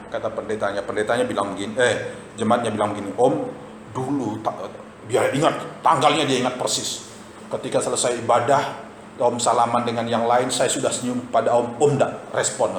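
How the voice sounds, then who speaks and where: A man preaching a sermon to his congregation, telling lively stories and often repeating a tag phrase to the listeners. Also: medium pitch, a little hiss or hum. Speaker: pastor. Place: church sanctuary. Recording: echoey church hall, faint ambience.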